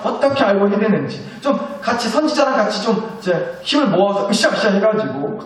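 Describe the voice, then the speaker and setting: A man preaching a sermon as pastor, telling stories in a lively, joking way. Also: high voice, fairly quick. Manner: lively, joking storytelling with acted quotes. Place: church sanctuary. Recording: echoey church hall, mic from a distance.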